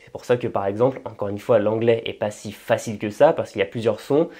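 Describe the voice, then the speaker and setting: Hesitant French-speaking man, mellow tone. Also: lowish voice, fast talker. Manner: thinks aloud with frequent hesitations and restarts. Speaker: language-learning video host. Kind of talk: informal explanatory talk.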